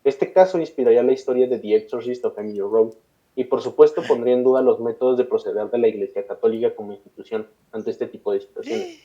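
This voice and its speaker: This Mexican-accented podcast co-host talks fast, with a dark tone at medium pitch. Long read-aloud passages alternate with slangy back-and-forth banter. The sound quality is dull and lo-fi.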